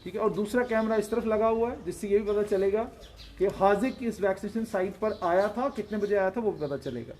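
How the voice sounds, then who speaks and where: High-pitched guy doing a field news report, explains things step by step, lots of hmms while he listens. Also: brisk, darkish tone. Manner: explanatory, prompting with frequent hums.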